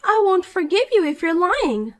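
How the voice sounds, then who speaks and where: A woman voices a shallow, selfish, jealous young woman in a dramatized story, accusing and self-pitying. She pitches her voice extremely high, above her own natural voice, and sounds very animated at normal speed.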